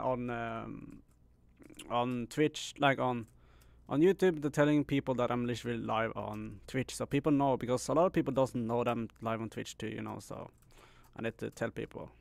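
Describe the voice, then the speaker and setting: While streaming a game, a relaxed young man banters with his viewers, laughing a lot and calling them "bro" and "man." His medium-pitched voice is creaky, and there's no room sound.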